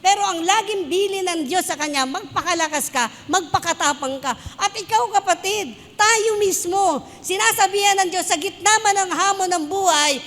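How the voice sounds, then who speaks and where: A woman's voice: very high-pitched, normal speed, few pauses, fairly bright tone. A Filipino woman preaching a church sermon, switching between Tagalog and English and telling personal stories. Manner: mixes Tagalog and English, tells anecdotes with laughs. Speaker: pastor. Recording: long hall reverb.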